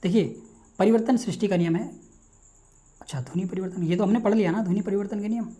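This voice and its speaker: A man teaching linguistics in a quick, repetitive lecture style, asking and answering his own questions. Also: high-pitched, dark tone. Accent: Hindi. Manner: rapid, repetitive, quizzes himself aloud. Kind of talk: online exam-prep lecture.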